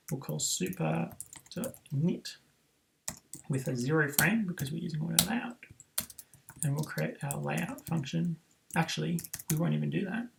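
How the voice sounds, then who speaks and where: A programming tutor with a slightly high, creaky voice thinks out loud through a screen-recorded coding tutorial, full of ums and self-corrections. The recording is rough, with a bit of hiss or hum.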